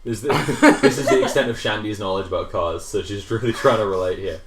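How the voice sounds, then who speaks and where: A woman's voice: extremely low pitch, brisk, distant mic, noisy background. Woman game master in an echoey room. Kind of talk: narrating a tabletop game.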